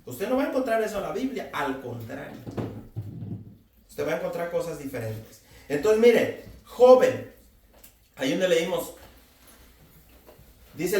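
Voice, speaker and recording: High-voiced man preaching in an echoey hall. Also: far from the mic. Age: 40s. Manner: exhorting, addresses the congregation directly. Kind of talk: sermon.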